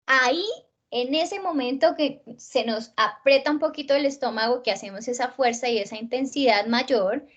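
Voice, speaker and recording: A woman teacher with a Colombian accent giving an online spelling lesson, slowing down to stress words and often checking in with her listeners. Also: a little high, muffled recording. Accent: Colombian Spanish.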